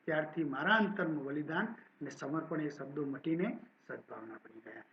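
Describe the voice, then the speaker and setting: A male professor gives a lecture, reading a story aloud in a measured, expressive way with pauses and then explaining it. His voice sits a little high for a man. The recording is roomy and dull, with a faint hiss underneath. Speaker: college professor.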